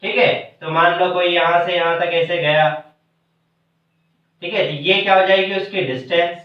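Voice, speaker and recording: A male teacher with a high voice walks through a lesson step by step, asking questions and answering them himself. He sounds far from the mic in a very echoey room. The sound is dull and lo-fi. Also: steady tone, moderate pace. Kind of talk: classroom math lesson.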